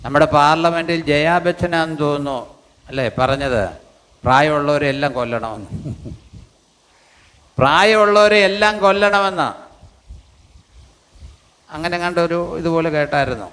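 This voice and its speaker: A man's voice: on the high side, fairly quick, fairly bright tone. An older man, preaching a sermon emphatically and repeating lines for the congregation. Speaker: pastor. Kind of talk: sermon with congregation reading scripture.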